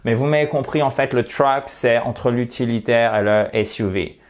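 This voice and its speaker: A man teaching English pronunciation in an online lesson, chatting relaxedly with viewers and slowly repeating model words for them to drill. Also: medium pitch.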